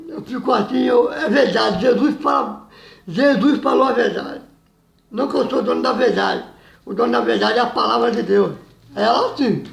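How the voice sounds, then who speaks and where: A man preaching an informal sermon in a loud, emphatic way, laughing between phrases. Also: very high voice, vocal fry, echoey room. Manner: loud and emphatic, says he always talks loud; laughs between phrases, says "meu irmão" often. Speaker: evangelical preacher.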